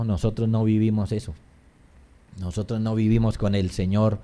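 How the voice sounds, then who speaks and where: Mellow-voiced male pastor preaching. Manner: preaching with swings between soft low passages and raised emphatic ones; addresses the congregation directly as brothers. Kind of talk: sermon.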